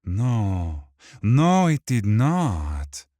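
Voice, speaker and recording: A man's voice: lowish voice, sing-song, warm tone, no echo, clean studio sound, voice pushed up, exaggerated voice. A man voicing a mocking, wiry little thief. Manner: mocking, sing-song, with drawn-out taunts. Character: wiry, small, taunting male thief with hidden psychotic rage.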